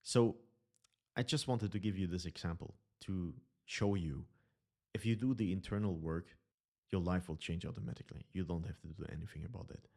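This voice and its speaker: Speaking over slides, a deep-voiced man with a darkish tone and a German accent, a native German speaker, earnestly mentors listeners on consciousness. He frequently stops to fix his wording.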